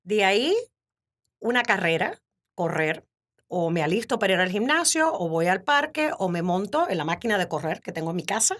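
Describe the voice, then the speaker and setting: A Cuban woman in her fifties, speaking in an animated, laughing way as a guest in a casual interview. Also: medium pitch, normal speed. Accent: Cuban Spanish. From Cuba. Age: 50s. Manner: warm, animated storytelling with frequent laughter. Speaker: podcast guest.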